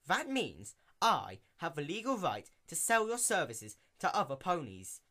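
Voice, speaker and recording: A man's voice: a little high, huge pitch swings, a little slow, sharp tone, voice pushed up, full character voice. A man voicing a dramatic, scheming young female pony princess in a hammy, theatrical storybook reading. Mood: sly, smug. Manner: hammy, theatrical stage delivery. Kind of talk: dramatic reading of fan fiction.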